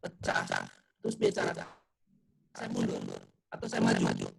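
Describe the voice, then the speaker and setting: A man's voice: rumbling low, huge pitch swings, measured pace, vocal fry, very noisy. A middle-aged man gives university admissions guidance over a video call, and his audio keeps breaking up and dropping out.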